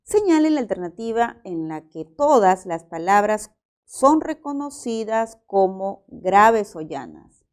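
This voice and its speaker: A woman's voice: mid-range voice, very animated, takes it slowly. A woman teacher, working methodically through exam-prep language exercises and explaining each example aloud.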